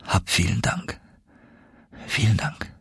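A man's voice: mid-range voice, normal speed, breathy edge, no room sound, clean studio sound. A man voicing an exhausted young nephew on an expedition, pleading and earnest, in an audiobook reading. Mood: grateful. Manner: pleading, stammering.

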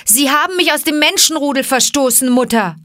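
A woman's voice: lowish voice, a little slow, no room sound, studio quality, natural voice. A woman reading aloud, voicing a proud, defiant boy raised by wolves, speaking with heat. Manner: heated, defiant.

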